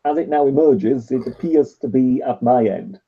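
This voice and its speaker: A man's voice: medium pitch, animated, husky. British man, muffled as if through a tube. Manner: measured, hesitant, with many ums. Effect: muffled, as if talking down a tube. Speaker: co-host of a live stream show. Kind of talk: casual live stream chat. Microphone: webcam mic picked up over a video call. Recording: muffled, dull lo-fi webcam audio.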